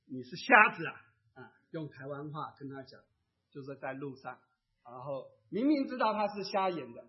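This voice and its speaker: A man preaching to his congregation, gently telling a story and acting out the remarks of the people in it. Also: a little high. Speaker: pastor. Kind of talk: sermon sharing a testimony. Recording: dull lo-fi sound.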